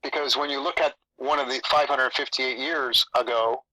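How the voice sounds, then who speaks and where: A man who grew up in Canada with Italian as his first language hosts a spiritual channel, rambling through a casual chat and repeating phrases. His mid-range voice is bright and forceful, with fairly even intonation at normal speed. The recording is rough and has no room sound.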